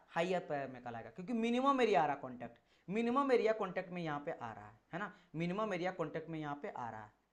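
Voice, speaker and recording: A male tutor giving a classroom lecture. He repeats each point several times and checks in with rhetorical questions. He demonstrates with objects at hand while slipping English technical terms into his talk. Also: sits high. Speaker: engineering exam teacher.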